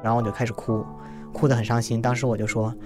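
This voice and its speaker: A man's voice: mid-range voice, little pitch movement, fast talker, over music. A young man in his twenties from China, telling his own story in a plain, unpolished way through a voice changer. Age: 20s. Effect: voice changer disguise. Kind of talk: first-person podcast storytelling.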